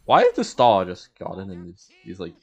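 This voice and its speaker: A man's voice: sits low, huge pitch swings, moderate pace, dull audio. A young man chatting casually with friends while reacting to a trailer, blunt and swearing freely.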